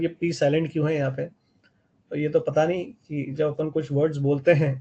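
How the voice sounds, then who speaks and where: A man's voice: fairly high pitch, dark tone, highs cut off. A man with an Indian accent teaching geometry in an online class, explaining step by step and checking in with his students. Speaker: math teacher. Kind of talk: online live class lecture.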